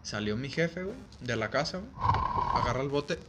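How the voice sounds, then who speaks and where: A man's voice: medium pitch, animated, a little fast, heavy background noise. A young man with a Mexican accent, a guest in a friends' chat, telling anecdotes in easy slang. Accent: Mexican Spanish. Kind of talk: casual chat among friends.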